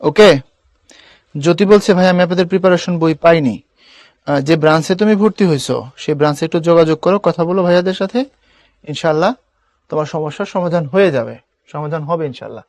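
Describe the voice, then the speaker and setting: A man's voice: a little high, fast talker, long pauses, a little mellow, dry recording. A young man teaching an online class, explaining step by step and repeating key words as drills.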